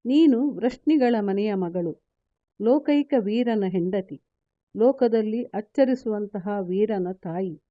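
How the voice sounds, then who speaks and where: A woman voicing a calm divine male counselor from an epic, consoling in measured sentences. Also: medium pitch, no echo, muffled recording, lightly acted.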